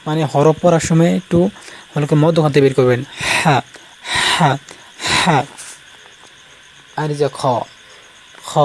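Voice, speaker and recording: Man slowly drilling letter sounds. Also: fairly high pitch, mellow, slight background noise, low-quality recording. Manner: slow and repetitive, drilling sounds. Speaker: Quran recitation teacher. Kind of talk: informal spoken lesson.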